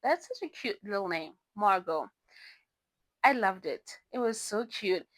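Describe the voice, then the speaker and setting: This channel host reviews books in a relaxed vlog. She is young, speaks English as a non-native, and wanders through her choices, correcting herself and laughing. Her mid-range voice sounds animated, unhurried and a bit bright, captured dry with clean studio sound.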